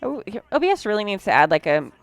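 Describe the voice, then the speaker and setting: A woman's voice: mid-range voice, very animated, quick pace, vocal fry. A woman streaming live from her sewing room late at night, tired, chatting casually with her viewers as she sews. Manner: chatty, talks to chat while working.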